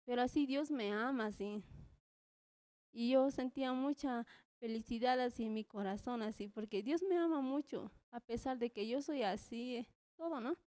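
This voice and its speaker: A woman's voice: a little high, moderate pace, a little mellow. Nervous young woman giving church testimony. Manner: hesitant, repeats "así" constantly, nervous. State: trembling with nerves.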